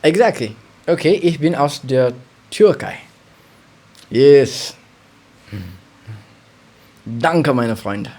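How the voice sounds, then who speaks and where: A man's voice: fairly high pitch, expressive, very slow, pauses often, darkish tone. Chatty man hosting a livestream. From Ethiopia. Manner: chatty, reads viewer comments aloud, hums while thinking. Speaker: livestream host. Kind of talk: casual livestream chat.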